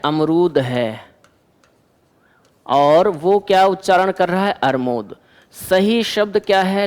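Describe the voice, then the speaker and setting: A male teacher delivers an exam-prep lesson in a high voice. He keeps asking his class a question and then giving the answer himself. The room around him rings with a long reverb. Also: clean tone.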